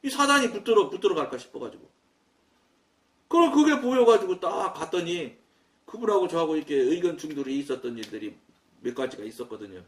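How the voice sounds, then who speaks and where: A man preaching a sermon, telling a story in an animated, loud way and acting out his own quoted words. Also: fairly high pitch, brisk. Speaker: pastor. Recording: echoey room, mic at a distance.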